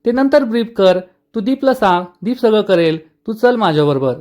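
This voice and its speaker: A man's voice: high voice, lively intonation, normal speed, a little mellow, pitched above the performer's own voice. A man voicing a jealous, possessive young male boss who talks in an insistent, commanding way.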